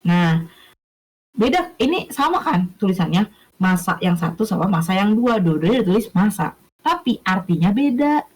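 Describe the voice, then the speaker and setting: Her voice is medium-pitched and sing-song with a breathy edge, moving at a moderate pace over a rough recording. This young woman teaches a casual online lesson in a chatty way, frequently checking understanding with questions and self-correcting.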